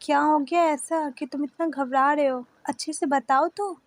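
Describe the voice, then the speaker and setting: A woman voicing a calm, firm young man who takes charge in a storybook dub. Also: sits high, normal speed.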